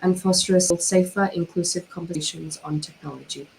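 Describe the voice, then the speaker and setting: Over a poor-quality video call line with a faint hiss, a woman from Australia delivers a formal, prepared talk as a panel speaker and cyber criminologist. A cold has left her voice hoarse, low and flat. Her manner is measured and formal, though fillers slip in now and then.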